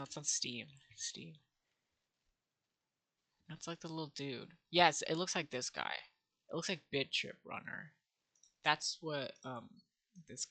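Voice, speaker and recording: A woman with a low, gravelly voice that sounds pushed and bright vlogs her attempt to teach herself a language. She thinks out loud and sounds out syllables in a playful, self-deprecating manner.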